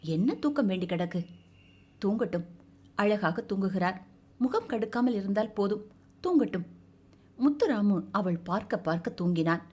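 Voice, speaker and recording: A woman narrating an audio novel in measured, expressive storytelling. Her voice sits at a middle pitch.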